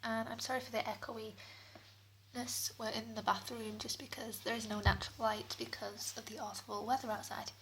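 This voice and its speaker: A woman's voice: fairly high pitch, fairly even intonation, moderate pace, a bit bright, a little hiss or hum. A woman chatting casually through a beauty product review, recorded in a small bathroom that gives her voice an echo. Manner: chatty, rambling. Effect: room echo off bathroom walls. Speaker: beauty vlogger.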